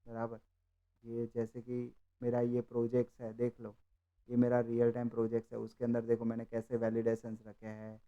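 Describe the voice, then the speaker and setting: A man's voice: medium pitch, monotone, moderate pace, mellow, muffled recording. A man who runs a coding course, explaining his training while walking through projects on his screen. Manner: persuasive, explaining. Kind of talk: screen-share walkthrough.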